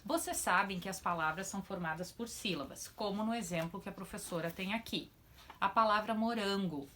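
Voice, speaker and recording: A woman teacher giving a lesson to young pupils, stretching words out slowly into syllables in a sing-song way. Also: mid-range voice, a bit bright, a little hiss or hum. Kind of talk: children's lesson.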